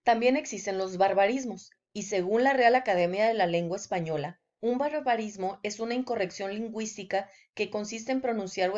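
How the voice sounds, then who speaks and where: A woman, giving a scripted language lesson in a deliberate way, with example sentences. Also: mid-range voice, a little mellow, dull audio. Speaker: language teacher.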